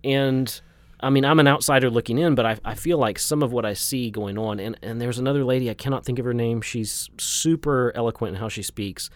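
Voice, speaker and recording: A man's voice: medium pitch, fairly quick, no echo. A man hosting a casual conversation in a wry, winding way, with plenty of fillers.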